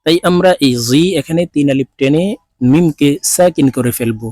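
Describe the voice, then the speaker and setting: A man with a Bangladeshi accent teaching Quran reading, spelling each word letter by letter and then chanting it slowly and drawn out. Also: fairly high pitch, darkish tone, dry recording. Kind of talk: spelling out and slowly reciting Quranic words in a lesson.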